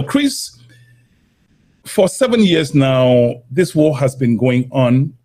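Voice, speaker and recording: Male call-in show host, brisk and probing, slightly high voice. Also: a little mellow. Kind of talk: hosting a call-in interview.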